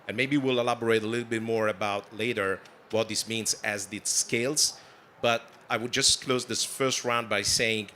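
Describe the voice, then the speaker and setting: A man in his forties from southern Italy with an Italian accent, a company founder telling his story in a fast, animated way on a conference panel. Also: fairly low pitch, slight background noise. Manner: fast, animated storytelling with non-native phrasing. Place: conference stage.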